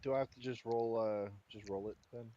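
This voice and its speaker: A man's voice: medium pitch, steady tone, fairly quick, warm tone, highs cut off. A man playing a tabletop game, playful and full of questions about the rules. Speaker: player. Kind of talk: casual tabletop game chat.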